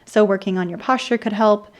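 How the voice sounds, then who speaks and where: Woman with croaky vocal fry. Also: medium pitch, a little fast. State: dry, croaky, irritated throat. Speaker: host of an explainer video channel. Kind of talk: scripted explainer narration with personal asides.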